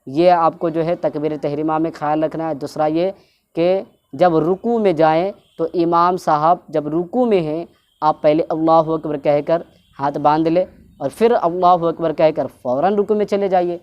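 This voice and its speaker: A woman's voice: deep voice, steady tone, muffled recording. A woman giving a religious instruction talk, explaining at length, repeating her points and drawing out words to show how they should be pronounced. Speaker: religious teacher.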